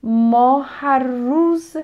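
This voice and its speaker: A middle-aged woman from Iran teaching French grammar, explaining in Persian and reading French examples slowly and clearly. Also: sits high, darkish tone. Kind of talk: grammar lesson.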